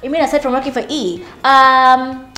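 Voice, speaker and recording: A woman in her thirties, a media personality and vlogger, speaks candidly to camera about her career in a high, pushed, bright voice at normal speed. The talk is chatty, reflective and emotional, at times nearly tearful, recorded with a roomy echo and faint music.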